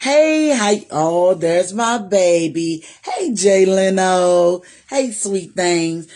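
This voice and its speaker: A woman's voice: on the low side, lively intonation, extremely slow. A woman, chatting on a live stream and greeting viewers by name. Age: 40s. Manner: warm, greets viewers by name, Southern "y'all" talk. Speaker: vlogger hosting a live stream. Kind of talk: casual live-stream chat.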